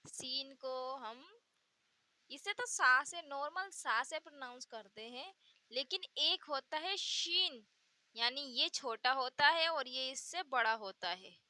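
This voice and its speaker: A woman in a slow, patient pronunciation lesson, drawing out each letter sound and repeating it with example words. Her voice is bright and sits a little high. The recording is close and dry, with no room sound. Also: animated, no echo. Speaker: Urdu teacher.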